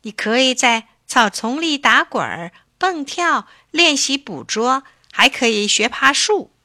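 一位女士在故事朗读中扮演一位慈爱耐心的猫妈妈，语气轻柔、循循善诱。. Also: female voice, high voice, lively intonation, unhurried, no room sound, studio quality, pitched above the performer's own voice, full character voice. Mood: coaxing. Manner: gentle, coaxing. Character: patient loving mother cat. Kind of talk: storybook reading.

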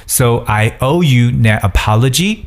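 A man teaching a bilingual English lesson, explaining patiently and repeating phrases slowly for practice. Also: mid-range voice, expressive.

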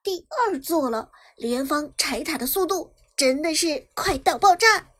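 A woman narrating a web novel chapter in brisk storytelling style, lifting her voice on the action. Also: sits high, lively intonation, fairly bright tone. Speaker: audiobook narrator. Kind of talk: scripted narration.

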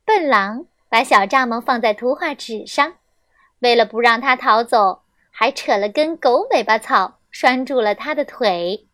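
A young woman reading a children's story aloud, gentle and expressive, on a close mic. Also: on the high side, a little slow, no room sound.

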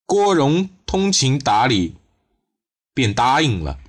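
A man reads a crime novel aloud at a steady pace. His pitch sits in an ordinary middle register. The delivery is even and unhurried. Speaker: audiobook narrator. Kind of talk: scripted narration.

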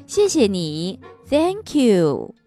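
A woman storyteller reading a picture book aloud for children in an animated, sing-song manner. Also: mid-range voice, extremely slow, soft background music.

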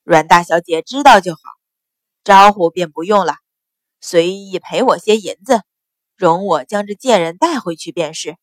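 A woman voicing an arrogant, bullying male steward who blusters and shouts. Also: lowish voice, animated, moderate pace, dry recording. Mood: smug.

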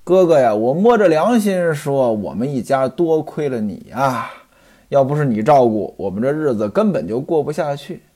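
A man's voice: medium pitch, lively intonation, normal speed, dark tone, lightly acted. A man voicing a poor, wheedling middle-aged hanger-on who pleads and complains in a storyteller's acted dialogue. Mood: complaining.

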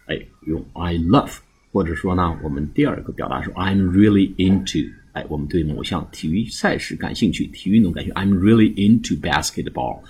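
A man's voice: deep voice, fairly quick, darkish tone, breathy edge. A man teaching a recorded English lesson in Chinese, explaining phrases one by one with many filler sounds and strong stress on the key words.

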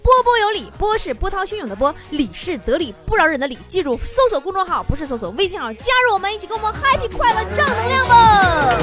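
A young woman with a Northeastern Chinese accent hosting a comedic radio show, reading listener messages and teasing them playfully. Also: sits high. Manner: playful, teasing, laughs at own jokes. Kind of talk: casual comedic radio chat. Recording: music bed behind voice.

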